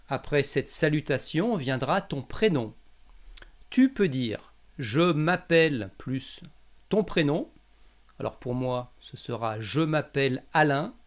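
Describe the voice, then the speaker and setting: A Frenchman with a French accent and a slightly high voice gives a language lesson. He teaches in a didactic style, pronouncing each example phrase with care.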